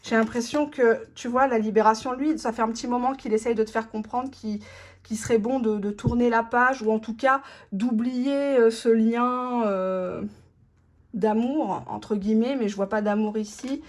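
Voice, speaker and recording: A woman's voice: fairly high pitch, normal speed. A woman giving a blunt, cheeky tarot reading straight to the viewer, voicing the partner's thoughts in first person. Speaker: tarot reader.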